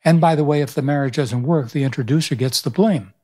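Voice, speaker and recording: This man's voice sits a little high, with a darkish tone and a fairly quick pace. He's in his seventies, a pastor and author giving a reflective interview, telling stories thoughtfully and often restarting his sentences. He's recorded indoors in a small room on a boom-arm studio mic.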